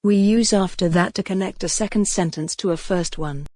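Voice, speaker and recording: Lady teacher, kinda low voice, slow clear lesson reading, dry sound. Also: dark tone, no echo. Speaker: English teacher. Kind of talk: scripted grammar lesson.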